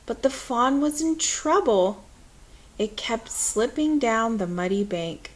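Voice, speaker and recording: This woman reads a children's picture book in a steady, expressive storyteller's manner, her pitch fairly high. The recording quality is rough.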